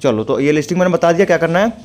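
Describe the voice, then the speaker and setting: A man's voice: on the high side, expressive, darkish tone. A young man teaching an exam-prep lesson, reading out word lists and checking in often with the class. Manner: quick, repeats "theek hai?" to check understanding; mixes Hindi and English, reads word lists.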